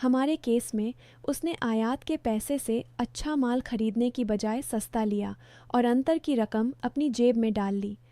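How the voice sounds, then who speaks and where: A middle-aged woman narrating a first-person story in a calm, even way. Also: fairly high pitch, measured pace, no echo.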